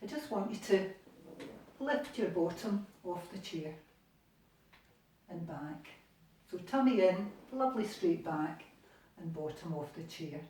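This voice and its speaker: Scottish woman, exercise instructor, mellow and encouraging, distant mic in an echoey living room. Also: fairly low pitch, lively intonation, slow pace, pauses often. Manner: encouraging, chatty. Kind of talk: guided exercise class.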